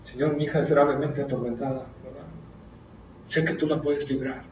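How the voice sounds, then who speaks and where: A man's voice: medium pitch, little pitch movement, moderate pace, a little mellow, lightly acted. A man preaching, voicing a humble mother who begs for help for her afflicted daughter, in a roomy, distant, dull recording. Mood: begging. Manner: begging, humble. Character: anguished foreign mother begging for her daughter.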